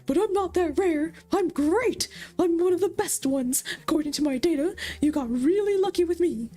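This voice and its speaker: A streamer voicing a smug, sarcastic plush robot companion toy with a boastful, snippy manner. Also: female voice, expressive, moderate pace, warm tone, faint music behind. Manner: boastful, snippy, high and bouncy.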